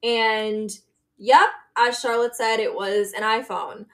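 A woman co-hosting a sports podcast in casual chat, emotional and quick to laugh. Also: on the high side, fairly even intonation, fairly bright tone. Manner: emotional, chatty, laughs often. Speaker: podcast co-host.

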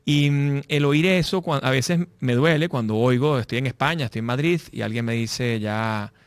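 A man's voice: mid-range voice, normal speed, clean tone, dry recording. Talkative Venezuelan man, very dry sound. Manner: animated, repeats and restarts words, drops voice often. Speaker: guest. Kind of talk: casual interview chat. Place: lives in Madrid.

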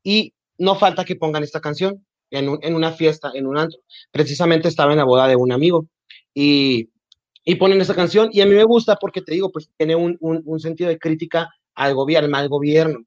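A man with a mexican accent telling stories on a podcast, slightly high voice, acts out what people said to him, dull dry recording. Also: a little fast, dry recording. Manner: animated storytelling, acts out quoted dialogue. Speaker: podcast guest. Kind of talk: casual podcast conversation.

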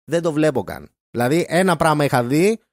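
A man hosts a casual podcast, his voice swinging lively up and down as he teases his guest. The sound is dry and close to the mic, with no room around it. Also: fairly high pitch, no echo. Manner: playful, teasing, laughs often. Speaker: podcast host. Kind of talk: casual chat.

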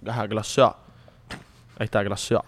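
A man's voice: on the low side, level tone, normal speed. A man co-hosts a casual chat, joking around and dropping English fillers into his Spanish. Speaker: co-host.

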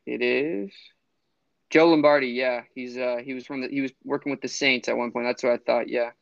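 A man's voice: medium pitch, steady tone, fairly quick, gravelly, no room sound, dull audio. A man co-hosting a sports podcast, rambling with fillers and restarts. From Florida. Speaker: podcast co-host. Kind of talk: casual sports chat.

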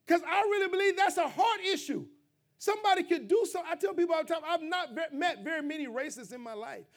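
A middle-aged male pastor preaching a sermon, rising to loud, emphatic peaks and dropping to low, quiet asides. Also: lively intonation, quick pace.

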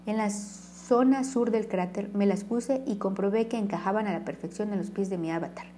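A woman's voice: mid-range voice, moderate pace, dark tone, slight background noise. A woman narrating a first-person novel aloud, reading dialogue with light shifts and sometimes stumbling and restarting. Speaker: audiobook narrator.

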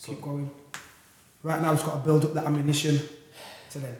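A man's voice: a little high, little pitch movement, a little fast. London man in a very echoey hall. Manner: repeats phrases for emphasis. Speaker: interview guest in music. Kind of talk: casual chat. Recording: very echoey hall, faint noise.

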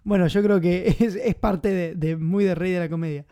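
Casting: Argentine man, casual film-review host, chatty, high mellow voice. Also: steady tone, normal speed, clear, resonant tone. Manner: chatty, enthusiastic, many fillers.

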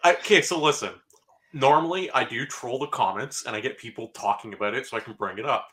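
A man co-hosting a casual podcast, relaying viewer comments in an animated, insistent way. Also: mid-range voice, fast talker. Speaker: podcast co-host reading chat comments. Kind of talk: casual group chat.

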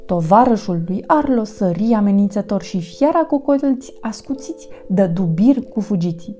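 Faint music plays behind a woman with a mid-range voice who reads a children's storybook aloud, narrating in a lively, expressive way.

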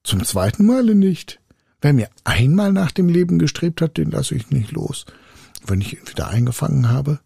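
A man voicing a fearless, quick-witted young woodcutter's son in a storybook reading, in a raised, gravelly voice. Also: on the high side, dry recording, clean studio sound, voice pushed up, full character voice. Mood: firm. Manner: quick, lively, unafraid.

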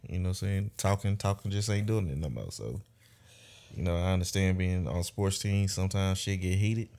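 A man's voice: low voice, moderate pace, warm tone. A man co-hosting a casual podcast chat, speaking in a laid-back, profane way. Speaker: podcast co-host.

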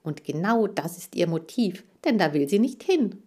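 A woman voicing a feisty, boastful male hamster detective in an audiobook, ranting loudly and eagerly. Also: fairly low pitch, normal speed. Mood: eager reasoning. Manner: ranting, animated and loud. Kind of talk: audiobook character voice.

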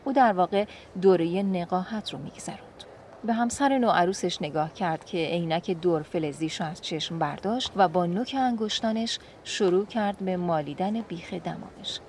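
Calm woman reading a story. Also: on the low side, slight background noise. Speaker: narrator. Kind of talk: storybook narration.

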